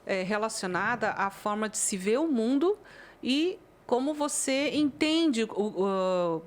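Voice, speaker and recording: A woman born in Taiwan whose first language was Chinese, speaking in a relaxed interview. Her voice sits a little high, and she talks thoughtfully, pausing on fillers and ending phrases with little tag questions. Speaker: interviewee, university music professor.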